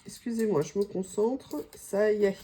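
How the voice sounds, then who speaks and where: A woman with a French accent and a slightly hoarse voice, chatting casually to viewers as she opens her mail, gushing and full of fillers. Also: medium pitch, moderate pace, mellow. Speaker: craft vlogger opening mail.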